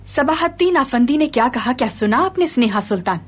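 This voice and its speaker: Dubbed series: accusing noblewoman, high-pitched and pointed. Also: expressive, brisk, slightly rough, soft background music.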